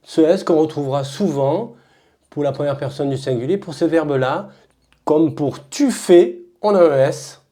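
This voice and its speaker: A woman with a French accent runs a verb conjugation drill, pronouncing each form slowly and emphatically before repeating it. Her voice is deep and dark in tone.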